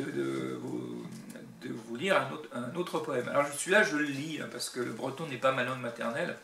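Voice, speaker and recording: Gravelly man talking in a roomy space. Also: medium pitch, fairly bright tone, far from the mic, slight background noise. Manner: halting, with many restarts and a frequent tag word. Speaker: book commentator. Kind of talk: casual spoken commentary. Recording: roomy sound from off the mic.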